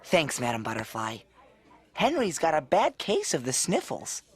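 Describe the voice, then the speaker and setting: An actor voicing a friendly, gentle male octopus who speaks cheerfully and patiently. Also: a little high, wildly swooping pitch, moderate pace. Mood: kind. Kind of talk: cartoon voice acting. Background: cartoon music.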